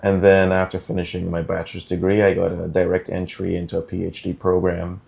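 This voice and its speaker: A middle-aged man from Guyana, speaking as an interview guest in a measured, deliberate way with frequent ums. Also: low-pitched, completely flat delivery, gravelly, a little mellow. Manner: measured, deliberate, many um fillers. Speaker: interview guest, food policy director. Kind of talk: studio interview.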